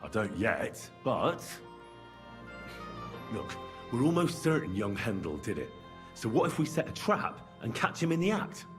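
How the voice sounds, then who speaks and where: An actor voicing a practical, reassuring schemer in a video game, conversational and persuasive. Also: male voice, lowish voice, very animated, a little slow, pauses often, music in the background. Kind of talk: video game dialogue acting.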